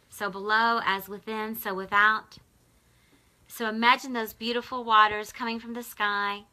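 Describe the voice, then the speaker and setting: Lady leading a guided visualization, bright tone, slow soft prayerful pace with pauses. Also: medium pitch, poor audio. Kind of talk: guided meditation. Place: home in the mountains.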